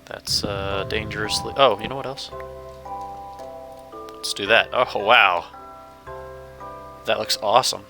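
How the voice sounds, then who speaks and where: A man's voice: on the low side, steady tone, measured pace, creaky, pauses often, music in the background. A man casually talking through his gameplay as a channel host, thinking aloud and chuckling now and then. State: hiccups. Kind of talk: casual let's-play commentary.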